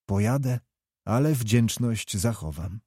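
Guy voicing a steady soldier giving quick orders, low-key and mellow. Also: husky, no room sound, studio quality, heavily acted. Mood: calm. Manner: clipped, commanding. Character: brisk male cavalry colonel, calm soldier.

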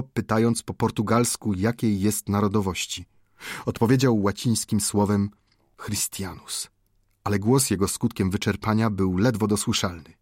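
A man's voice: lowish voice, a little mellow, no echo, clean studio sound. Man narrating an adventure story. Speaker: audiobook narrator. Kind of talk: scripted narration of an adventure novel.

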